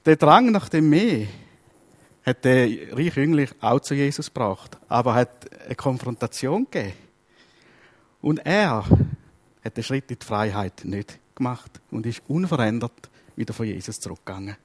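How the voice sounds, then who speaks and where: A male preacher with a Swiss German accent, giving a sermon in a lively storytelling manner at an ordinary mid pitch. He acts out the people in his stories. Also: normal speed. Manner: lively storytelling, acting out voices.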